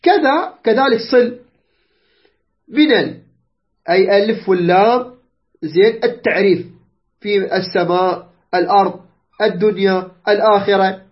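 A man's voice: sits high, unhurried, pauses often, muffled recording. A man with an Iraqi Arabic accent teaching a classroom lesson on Quranic spelling and recitation, explaining step by step and often checking that his students understand. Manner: patient explaining, checks understanding with "clear?" and "good".

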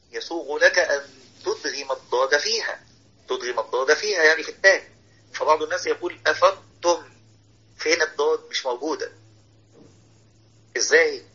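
A husky-voiced man with an Egyptian accent leads an online lesson on Quran recitation, explaining patiently and checking in with his students. His tone is sharp and bright. The audio is dull and lo-fi, like a compressed online call. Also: medium pitch. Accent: Egyptian Arabic. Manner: explanatory, checks in with listeners often. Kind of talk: online class lecture.

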